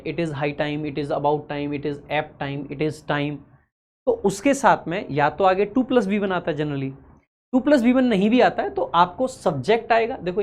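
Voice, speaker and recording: A male teacher running an exam-prep grammar class. He explains at a brisk clip, then slows right down to read each example sentence with deliberate emphasis. He keeps asking questions and answering them himself, talking to students familiarly. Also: on the high side. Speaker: English teacher.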